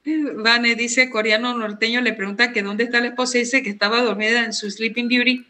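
A woman's voice: fairly high pitch, fairly even intonation, a little fast, bright, forceful tone. A woman co-hosting a casual live stream, reading viewers' comments and laughing often. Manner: laughs often, plays with a put-on Cuban voice and English.

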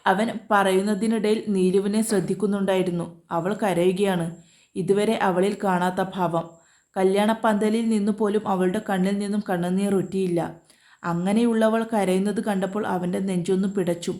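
A woman reading a romance story aloud at an even, gentle pace. Her voice is mellow and warm, and her delivery is calm and steady. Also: mid-range voice, normal speed. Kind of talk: scripted narration.

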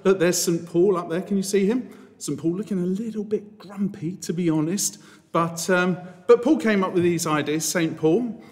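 A priest giving a playful, jokey school assembly talk and asking the children questions. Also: male voice, high-pitched, normal speed, darkish tone. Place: church. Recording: reverberant church.

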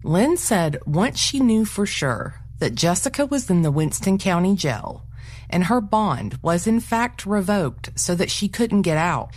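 A woman hosting and narrating a true crime show in a measured, scripted delivery. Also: mid-range voice, no echo. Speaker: host, narrator.

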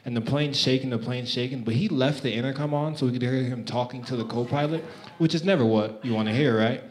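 A man's voice: mid-range voice, fast. A young man doing a stand-up comedy set on a club stage, often laughing sheepishly at himself between jokes. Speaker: stand-up comic. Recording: echoey club with a laughing crowd. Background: audience laughter.

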